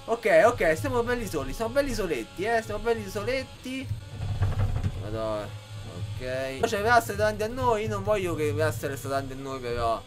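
Young gamer, high voice, excitable play-by-play to his viewers. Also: normal speed, soft background music. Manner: excitable, talks to viewers as raga. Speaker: gaming youtuber. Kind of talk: live game commentary.

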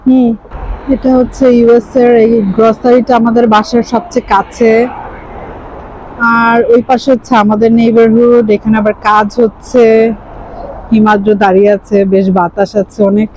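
A woman's voice: on the high side, level tone, moderate pace, a little mellow, a little hiss or hum, poor audio. A young woman from Bangladesh gives chatty running commentary for her daily vlog, slipping English words into her speech as she films on a handheld phone. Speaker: vlogger and mother. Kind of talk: casual daily vlog narration. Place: outdoors in winter and inside a library.

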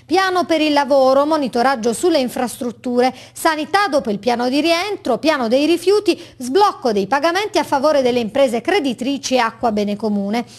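High-pitched woman reporter, formal scripted news read. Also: expressive. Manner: measured, formal delivery.

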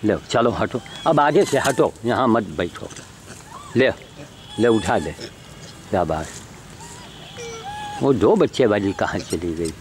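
A man records himself outdoors as he hands out food to animals. He calls them in and shoos them off, then turns to the camera for chatty remarks. His pace is unhurried and his pitch swings widely, with clear outdoor noise behind him. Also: expressive. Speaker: vlogger feeding animals. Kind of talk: outdoor handheld vlog narration. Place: outdoors, rural spot with animals.

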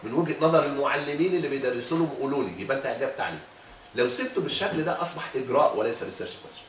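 A man's voice: mid-range voice, lively intonation, very fast, far from the mic, slight background noise. A middle-aged man with an Egyptian Arabic accent, critiquing a thesis defense in a lecturing way, probing with rhetorical questions. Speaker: thesis examiner. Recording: echoey room, voice from afar.

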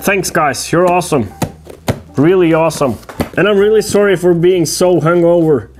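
A man hosting a workshop vlog, explaining things to camera in a measured, casual way. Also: high-pitched, background noise. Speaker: host of a workshop build vlog. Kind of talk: casual scripted narration to camera. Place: workshop room, indoors. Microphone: lapel mic. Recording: music behind the voice.

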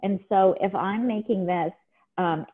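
A woman's voice: mid-range voice, unhurried. A middle-aged woman chatting enthusiastically while demonstrating a salad in her home kitchen over a video call. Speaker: cooking demonstrator. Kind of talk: casual cooking demo. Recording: tinny phone-like video call audio.

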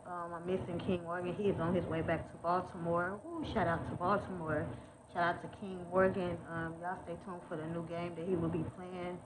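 A woman in her thirties talks casually to her viewers on a phone held at arm's length, her voice sitting a little low. She fills her talk with ums and y'alls. Clear background noise runs under the recording. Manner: chatty, many ums, says y'all often. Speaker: vlogger, mother of twins. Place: indoors at home, then outdoors walking. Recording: noisy phone recording with ambience.

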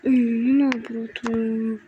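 Excitable high-voiced gamer woman. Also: takes it slowly, dull audio, a little hiss or hum. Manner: excitable, breaking into high yelps and repeated shouts. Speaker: gaming channel host. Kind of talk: casual gameplay commentary.

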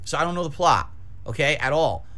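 Agitated man ranting, sharp higher-pitched voice. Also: lively intonation, brisk. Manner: profane, emphatic, repeats phrases for emphasis. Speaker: variety game streamer. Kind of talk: livestream rant to chat viewers. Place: small decorated home streaming room, indoors. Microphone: close desk microphone with pop filter.

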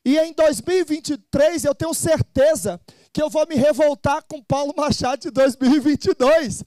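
A man's voice: extremely high pitch, normal speed, dark tone, no room sound. A man hosting a live motivational seminar, energetically urging the crowd to call out and repeat phrases. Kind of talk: live seminar pep talk.

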